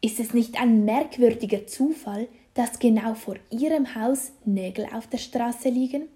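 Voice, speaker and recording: A woman's voice: a little high, a little slow, warm tone, natural voice. A woman voicing a coughing male detective in a children's story, muttering and probing.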